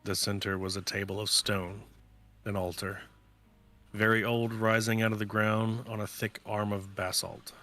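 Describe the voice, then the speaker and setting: Bright-voiced man reading aloud. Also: on the low side, little pitch movement, moderate pace. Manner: joking, reads passages aloud. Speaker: book club member. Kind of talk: casual chat and reading aloud.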